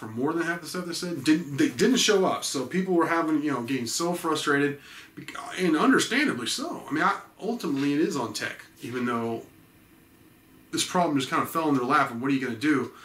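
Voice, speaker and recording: Reporter in his thirties, chatty, full of fillers, crisp bright tone, roomy webcam sound. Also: medium pitch. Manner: rambling, restarts often, many fillers. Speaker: college football reporter. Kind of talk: casual postgame recap. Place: small office, indoors.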